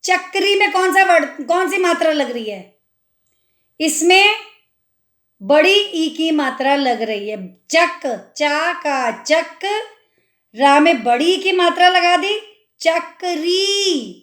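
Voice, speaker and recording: A woman with a very high, bright voice teaches Hindi in a slow, unhurried way. She draws each word out syllable by syllable and patiently asks her viewers questions. The sound is echoey, as if recorded in a bare room. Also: lively intonation. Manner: drawn-out syllable-by-syllable pronunciation of words. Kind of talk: children's language lesson.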